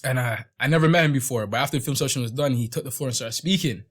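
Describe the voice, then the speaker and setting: A man's voice: medium pitch, very fast, noisy background. A young man co-hosting a casual podcast chat, laughing often and slipping into mock London slang. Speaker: podcast co-host.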